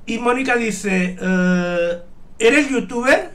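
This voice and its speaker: A man's voice: extremely high pitch, lively intonation, takes it slowly, a bit bright. A man in his thirties hosts a casual streamed interview, telling a rambling story and reading out viewer questions through his headset. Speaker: show host. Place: home streaming room.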